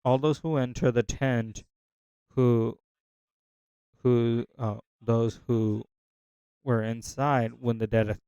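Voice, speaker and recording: Halting man reading scripture aloud. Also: mid-range voice, fairly even intonation, mellow, clean tone, dry recording, highs cut off. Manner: halting, stumbling over words and restarting lines; unsure of hard names, pauses to check pronunciation. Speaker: scripture reader. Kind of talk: casual unscripted Bible reading.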